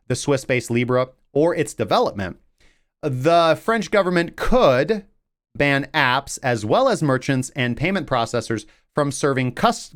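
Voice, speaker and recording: A young man reads crypto headlines on his livestream and keeps breaking off into sarcastic jokes and mock voices. His pitch swings widely from line to line, and his middle-range voice stays lively throughout. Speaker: crypto news show host. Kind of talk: livestreamed news commentary.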